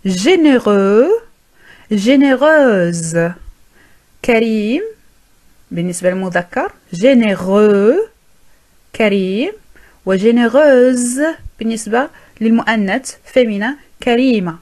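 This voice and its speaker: Slow-spoken woman teaching French. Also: fairly high pitch, expressive, darkish tone. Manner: slow, drawn-out word repetition. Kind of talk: language lesson.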